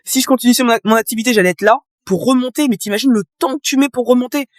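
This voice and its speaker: A woman business coach, speaking as a guest in a casual interview, describes her experience through vivid images and addresses the listener directly. Her voice is a little high and very fast, captured in clean studio sound with no echo.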